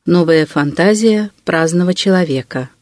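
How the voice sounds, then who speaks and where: An audiobook narrator giving a measured, expressive reading of a classic novel. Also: medium pitch, no room sound, clean studio sound.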